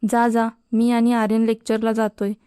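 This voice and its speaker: A woman's voice: fairly high pitch, completely flat delivery, normal speed, warm tone, clean tone, dry recording, studio quality, lightly acted. A woman voicing a teasing, encouraging young male college student.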